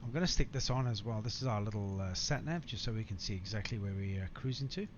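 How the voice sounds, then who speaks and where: A man live-streams a flight simulator, chatting casually and addressing viewers in a matey way as he comments on the gameplay. His voice is lowish and quick, with faint background noise and slightly dull sound.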